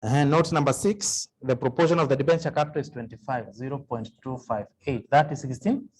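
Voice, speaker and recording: Brisk and slightly rough, his mid-range voice has a darkish tone. He's an accounting tutor delivering a revision lecture, solving sums aloud and posing questions to the class.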